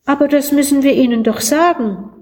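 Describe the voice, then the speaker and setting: A woman voicing an eager, curious young boy in a read-aloud Christmas story, excited and pleading. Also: sits high, unhurried, pitched above the performer's own voice. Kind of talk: storybook reading.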